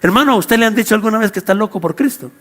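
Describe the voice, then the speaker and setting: A man's voice: high voice, rapid-fire. A male pastor with a Guatemalan accent preaching a sermon, addressing the congregation and acting out the voices of the people he quotes. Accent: Guatemalan Spanish. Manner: animated, acts out quoted voices, calls out to the congregation.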